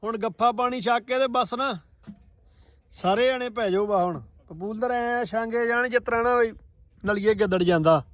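A man's voice: extremely high pitch, moderate pace, dry recording. A man with a Punjabi accent chatting casually as a farmer vlogger, with banter while working outdoors. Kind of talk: casual vlog chat and work banter. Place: outdoors on a farm. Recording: faint outdoor field noise.

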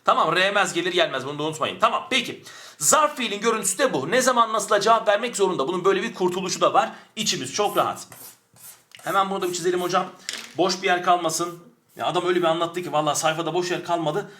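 Male grammar teacher, high and bright, animated, drills students with question-and-answer, a little off-mic. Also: quick pace, slight background noise. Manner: animated, stretches words for emphasis, asks and answers his own questions. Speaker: Turkish language teacher. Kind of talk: online grammar lesson. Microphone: camera mic, speaks from a distance to avoid distortion.

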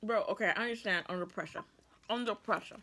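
A woman's voice: medium pitch, quick pace, sharp tone. A woman vlogger chatting casually with her sister over a meal, giggling often and using lots of slang. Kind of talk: casual chat during a mukbang.

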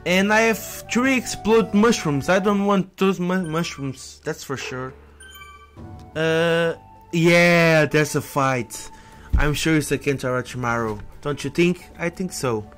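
Sitting indoors at his computer with a headset, a male gameplay commentator rambles slowly through a casual let's-play, reading on-screen text aloud over the game music. His voice is a little high and fairly bright, full of restarts and repetitions, and he exclaims at the game.

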